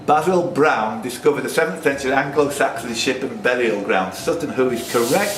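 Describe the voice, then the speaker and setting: In a noisy room full of echo, a quiz host who also sets the questions reads them out to players with joking asides. His mid-range voice moves fairly quickly.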